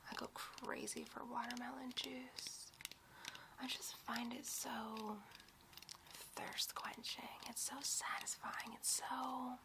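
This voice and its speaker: A woman whispering softly and slowly in an ASMR video, with tapping sounds on a coconut. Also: fairly high pitch, noisy background. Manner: soft whispering, slow and soothing. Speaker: ASMR creator. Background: tapping and rubbing on a coconut.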